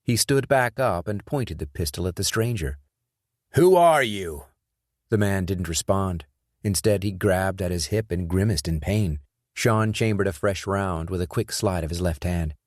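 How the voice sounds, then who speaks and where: A man narrating an action thriller audiobook in a steady, measured storytelling voice, close on a studio mic. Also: deep voice, no room sound. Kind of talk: scripted narration.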